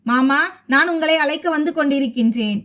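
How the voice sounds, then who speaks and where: A kind young daughter-in-law speaks gently and reassuringly in a high voice, as a woman reads her. She is calm and caring in a family storybook. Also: normal speed. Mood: gentle.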